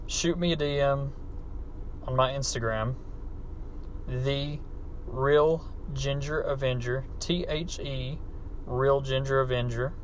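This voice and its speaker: A man with an Appalachian hillbilly American accent hosts a podcast from inside a car, delivering a casual, unscripted monologue that's profane and self-deprecating. His voice sits in the mid-range, with a steady tone and a slow pace. The low-quality, amateur recording picks up background car noise.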